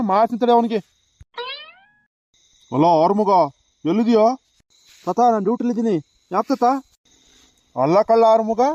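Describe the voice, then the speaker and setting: A man's voice: high-pitched, darkish tone, no echo, highs cut off, natural voice. A man voicing an old village grandfather in a cartoon who reassures a crying girl and lectures a relative, chiding with repeated "ha".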